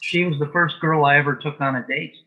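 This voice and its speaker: A middle-aged author and playwright reminisces as a guest in a casual interview, precise, matter-of-fact and dryly humorous. His voice sits on the high side with a steady tone and a slightly fast pace, and the audio is narrow and tinny.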